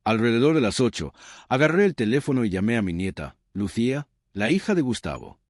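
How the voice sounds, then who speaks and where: A man's voice: medium pitch, very animated, brisk, darkish tone, dry recording, studio quality. Older Rioplatense man telling a story. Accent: Rioplatense Spanish. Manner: reflective and earnest. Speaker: narrator. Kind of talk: scripted storytelling narration.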